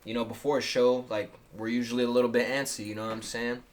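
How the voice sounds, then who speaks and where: A man's voice: medium pitch, flat delivery, fast talker. A man in his twenties, a rapper from Salt Lake City, speaking thoughtfully in a casual chat. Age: 20s. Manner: thoughtful, finishes others' sentences. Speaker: rapper, interviewee.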